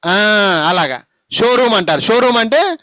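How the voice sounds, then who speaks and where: High-voiced man teasing students in a Telugu classroom. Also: sing-song, moderate pace, a bit bright, no echo. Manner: scolding, teasing, asks students repeatedly. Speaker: spoken English teacher. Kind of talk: classroom phonics lesson.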